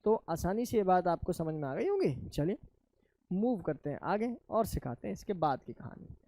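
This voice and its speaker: A man teaching a chemistry lesson, asking his students questions and answering them himself in a lower voice, calling them children. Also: big pitch swings, normal speed, mellow. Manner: addresses students affectionately as children. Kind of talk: classroom lecture.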